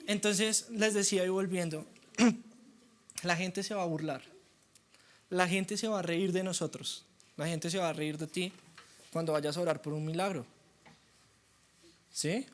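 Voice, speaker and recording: A young man preaching a sermon, animated and acting out the voices of doubters. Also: sits high, unhurried, long pauses. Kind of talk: sermon teaching.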